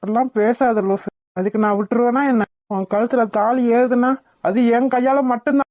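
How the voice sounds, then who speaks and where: A woman voicing a protective young male hero in a cartoon, who lectures sternly and then comforts gently. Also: on the high side, steady tone, brisk, natural voice. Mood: soothing. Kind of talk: cartoon voice acting.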